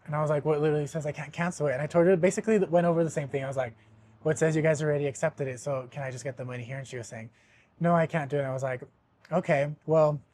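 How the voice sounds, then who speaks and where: A young man hosting a podcast, telling a story in casual chat, animated and swearing often, with laughs mixed in. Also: on the high side. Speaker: podcast host.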